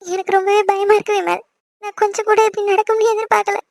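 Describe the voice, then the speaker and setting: A woman voices a frightened young woman in a homemade cartoon, soft and pleading. Her voice sits very high and moves quickly. The sound is dry and close. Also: fairly even intonation, no echo. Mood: fearful. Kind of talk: amateur cartoon dubbing.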